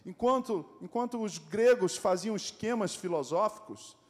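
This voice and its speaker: A Brazilian man preaches a lively sermon with jokes and rhetorical questions. His voice sits fairly high for a man. The church hall leaves a long, echoing reverb behind every phrase. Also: normal speed. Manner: animated, joking, asks the congregation rhetorical questions. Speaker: pastor.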